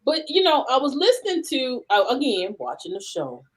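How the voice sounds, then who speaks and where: A woman with a somewhat high voice hosts a relaxed chat show, reading items aloud in a playful, amused way. Her tone is light and conversational. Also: normal speed, low-quality recording. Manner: playful, laughing while reading out a list. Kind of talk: casual chat.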